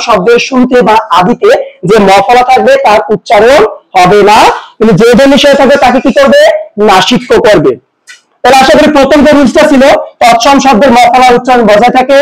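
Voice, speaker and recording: Teacher, man, very high pitch, asks rhetorical questions, repeats rules slowly. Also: poor audio. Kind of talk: pronunciation lesson.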